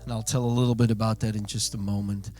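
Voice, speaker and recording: A man's voice: fairly low pitch, little pitch movement, fast talker, over music. Belgian-accented man preaching a sermon. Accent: Belgian Dutch. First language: Dutch. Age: 30s. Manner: earnest preaching, warm asides to the congregation. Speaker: guest pastor. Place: church sanctuary.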